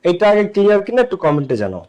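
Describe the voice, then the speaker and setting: Animated male tutor, drilling sounds. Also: high-pitched, racing. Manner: explains patiently, repeats sounds over and over, checks "okay?". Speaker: English teacher. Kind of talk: online grammar lesson.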